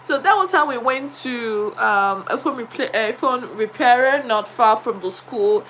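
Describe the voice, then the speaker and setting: A woman's voice: on the high side, lively intonation, measured pace, fairly bright tone, a little hiss or hum. A woman with a Nigerian accent, a teacher, chatting on a live stream and telling a story with many fillers. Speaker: vlogger and teacher.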